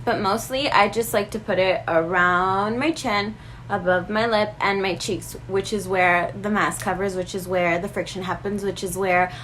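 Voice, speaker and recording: A woman's voice: medium pitch, fairly even intonation, normal speed, fairly bright tone, a little hiss or hum. A woman in her twenties talking animatedly to the camera in a casual skincare vlog, slipping in Spanish phrases now and then. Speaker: beauty vlogger.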